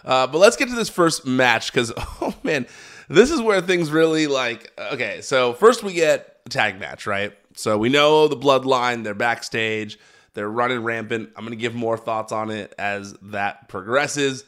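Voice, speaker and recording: A wrestling podcast host, still recovering from being sick, gives a casual recap in an energetic, hyped-up, chatty way. His voice is mid-range and his pace unhurried.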